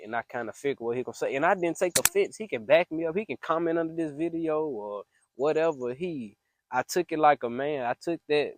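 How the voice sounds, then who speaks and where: A man with a mid-range voice shares his own faith reflections in a close, dry voice memo. The tone is casual and emphatic, full of slang, with an earnest, sermonizing edge as he vents and testifies.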